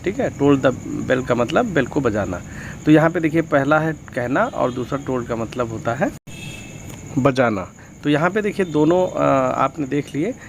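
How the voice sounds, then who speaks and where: Gravelly-voiced male tutor. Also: medium pitch, animated, a little hiss or hum. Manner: mixes Hindi and English, reads examples slowly, frequent fillers. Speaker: English teacher. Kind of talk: explaining a grammar lesson.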